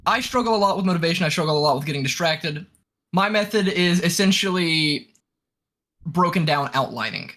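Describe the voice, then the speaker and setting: Bright, emphatic man giving advice. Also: a little high, animated, fairly quick. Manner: emphatic, instructive, blunt. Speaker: writing advice speaker. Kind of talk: casual explanatory talk.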